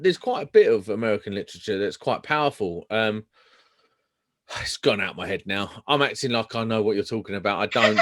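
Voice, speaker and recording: A man's voice: medium pitch, fairly bright tone. Casual male podcast host. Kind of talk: casual chatty interviewing.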